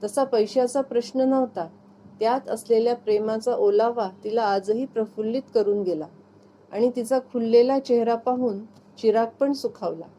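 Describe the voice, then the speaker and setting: A woman reading a short story aloud in a calm, even narrating manner. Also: on the high side, moderate pace, poor audio. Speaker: story reader.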